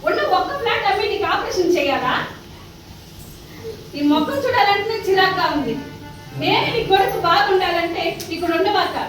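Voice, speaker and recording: A woman acting a harsh daughter-in-law in a church drama skit, sharp and scornful, recorded from far off in an echoey, noisy hall. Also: sits high, fast talker, faint music behind, close to an everyday voice.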